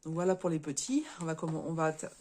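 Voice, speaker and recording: A married woman, a little hoarse and stuffy from a cold and slightly out of breath, showing her craft work in a casual vlog, talking haltingly with many fillers and restarts. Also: low-pitched, lively intonation, a little mellow, slight background noise. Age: adult, married. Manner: chatty, tags sentences with "hein". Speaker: crafts vlogger. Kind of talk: casual show-and-tell vlog.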